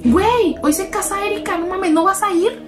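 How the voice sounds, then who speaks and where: A shrill, high-pitched young woman with a Mexican accent, as a storyteller puts her on, bursting with crude slang and loud exclamations. She sounds like an excitable gossiping girlfriend from a storytime tale, with music playing behind her. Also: fast. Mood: excited. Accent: Mexican Spanish. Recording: background music under the voice.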